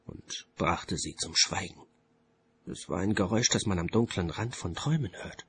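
A man narrating an audiobook in a theatrical, expressive storytelling manner. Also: deep voice, creaky, husky.

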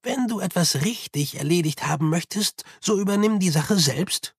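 A calm old monk explains things in a measured, lecturing tone, as a man puts him on. His raised voice has a husky edge. The storybook sound is dry and close. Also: sits high, no echo, voice pushed up, full character voice.

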